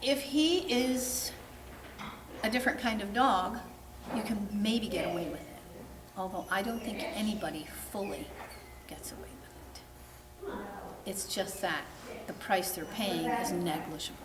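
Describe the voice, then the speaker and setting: A woman's voice: medium pitch, moderate pace. A woman dog trainer coaching a client in a frank, plainspoken way. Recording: roomy, distant, noisy background.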